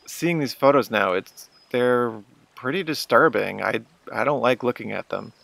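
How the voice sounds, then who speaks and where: A man's voice: mid-range voice, normal speed, vocal fry, a bit bright, no echo. A man narrating a wildlife photo video in casual storytelling, earnest and self-deprecating.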